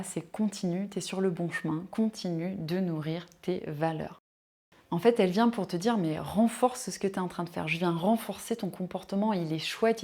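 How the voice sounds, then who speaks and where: A woman's voice: on the low side, a little mellow. A woman giving a casual spoken talk on personal growth as a coach, addressing the listener directly with many fillers.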